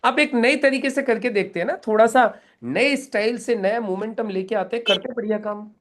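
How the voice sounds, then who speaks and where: A man's voice: high voice, moderate pace, a bit bright. A middle-aged man leading a live training session in a meeting room, instructing the group and quizzing them with questions.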